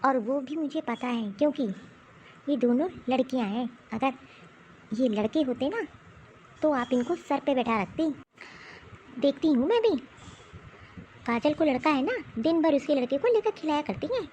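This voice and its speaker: A woman's voice: high-pitched, lively intonation, normal speed, pauses often, darkish tone, a little hiss or hum. A woman voicing a protective young mother in a cartoon who lectures her mother-in-law at length. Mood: indignant. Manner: indignant, lecturing. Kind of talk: cartoon voice acting.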